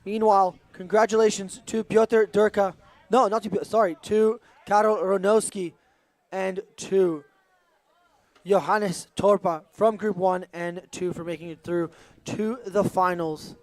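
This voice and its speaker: A male sports commentator with a notably high voice, rattling off tricks in hyped, rapid play-by-play. He mixes banter and jokes in between the calls. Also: steady tone, darkish tone, no echo.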